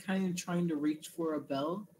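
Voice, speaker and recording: A game master narrating a tabletop session in a relaxed, halting way, with frequent fillers. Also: mid-range voice, a little hiss or hum.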